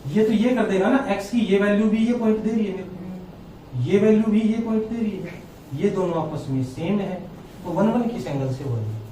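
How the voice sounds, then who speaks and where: A man's voice: high-pitched, normal speed, warm tone, a little hiss or hum. A male math teacher giving a classroom lecture, explaining step by step and checking often whether students follow. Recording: echoey room, voice from far off.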